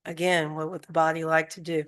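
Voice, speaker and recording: Board chair, formal procedure, average pitch, easy laughter. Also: flat delivery, a little fast, a bit bright, clear, resonant tone. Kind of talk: chairing a public meeting.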